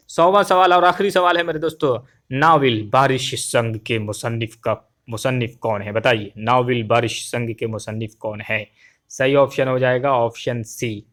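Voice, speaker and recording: A young man going briskly through exam answers as a teacher, repeating each question and answer and calling the viewers his friends. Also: mid-range voice, a bit bright.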